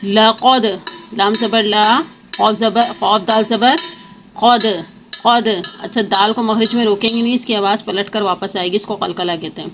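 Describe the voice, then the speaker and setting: A woman teaching Quran recitation with tajweed, chanting each word slowly and then explaining quickly. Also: mid-range voice, fairly even intonation. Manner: slow drawn-out recitation, then rapid explanations. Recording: dull lo-fi sound with faint noise.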